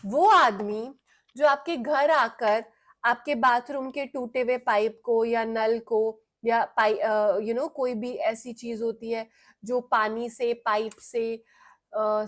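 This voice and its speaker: Slow-speaking Indian woman teacher. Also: fairly high pitch. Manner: slow, patient explaining, mixing Hindi and English. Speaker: online English teacher. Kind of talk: live online class for children.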